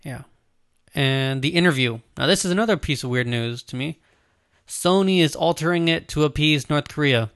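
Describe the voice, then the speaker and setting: A man's voice: fairly high pitch, moderate pace, fairly bright tone, no echo, clean studio sound. A man in casual chat about movie news, loose and rambling with lots of filler words.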